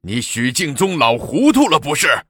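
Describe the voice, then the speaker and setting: A man's voice: a little high, sing-song, moderate pace, fairly bright tone, husky, no room sound, clean studio sound, voice pushed up, exaggerated voice. Man playing a wrathful old grand minister. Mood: indignant. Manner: scolding, imperious. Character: stern, wrathful senior male minister.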